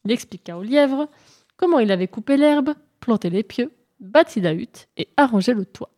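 A woman narrating folk tales for a storybook, reading calmly and evenly. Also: a little high. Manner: calm, measured narration.

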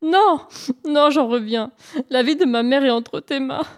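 High, whining storybook hare, sly and lazy, voiced by a woman. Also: steady tone, normal speed. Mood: whiny pleading. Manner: whining and pleading. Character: lazy cunning young male hare, whiny.

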